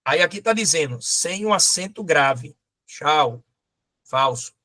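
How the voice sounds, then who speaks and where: A man teaching a lively exam-prep grammar lesson, pointing things out as he goes. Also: on the high side, slow.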